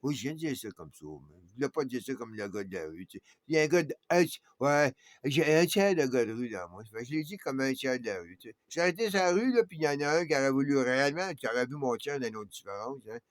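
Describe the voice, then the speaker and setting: A man's voice: mid-range voice, expressive, fast, dry recording, studio quality. A man with a Québécois accent, talking in a rambling monologue that jumps between ideas, with constant tags like "man" and "hein". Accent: Québécois French.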